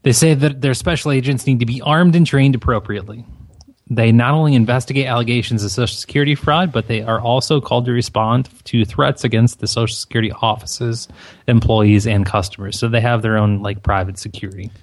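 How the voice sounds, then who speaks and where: A man co-hosting a comedy podcast in casual banter, deadpan and sardonic, with a detached delivery. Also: medium pitch, brisk. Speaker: podcast co-host.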